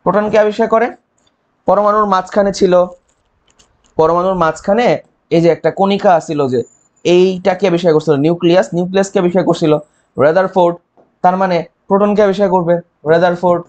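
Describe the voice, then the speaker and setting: High-voiced young tutor quizzing students. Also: male voice, steady tone, quick pace, darkish tone, lo-fi sound. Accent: Bangladeshi Bengali. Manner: quizzing with rhetorical questions and mnemonics; frequent "ঠিক আছে?" check-ins. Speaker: chemistry tutor. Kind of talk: online exam-prep lecture.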